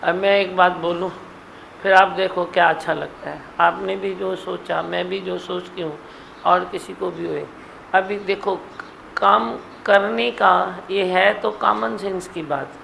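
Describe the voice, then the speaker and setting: A middle-aged woman leads a devotional gathering in a community hall, speaking in a gentle, homely teaching manner. Her voice has a gravelly, creaky texture. A faint hiss sits under the recording. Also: fairly low pitch, fairly even intonation, unhurried. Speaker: spiritual teacher leading a satsang.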